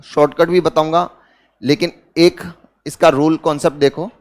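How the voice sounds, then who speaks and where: A man's voice: fairly high pitch, steady tone, normal speed, darkish tone. A man with an Indian accent giving a grammar lecture in a classroom, who asks his students questions and then answers them himself. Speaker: English teacher.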